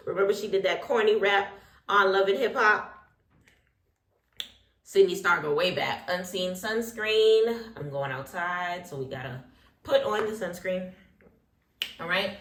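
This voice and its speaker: A woman's voice: mid-range voice, echoey room. A woman hosting a casual reality TV recap while getting ready, talking in a sassy, opinionated way full of slang and asides. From Haitian heritage.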